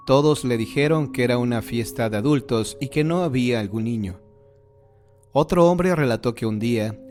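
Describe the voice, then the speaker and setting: A man tells ghost stories in a measured, scripted way. His voice sits in an ordinary middle pitch. Faint music plays quietly behind him. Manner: measured storytelling delivery. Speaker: horror story narrator. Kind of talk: scripted narration.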